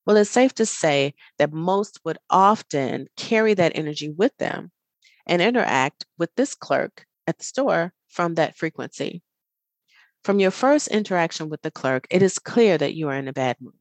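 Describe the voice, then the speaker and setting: Podcast host, woman, low register, dry close mic; earnest, encouraging self-help monologue. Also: lively intonation, normal speed, no room sound. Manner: earnest, encouraging, addresses the listener directly; smiling as she speaks.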